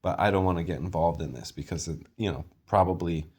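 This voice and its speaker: A man's voice: low-pitched, fast, darkish tone, slightly rough. A man talking in a rambling, hesitant monologue, full of fillers and trailing thoughts.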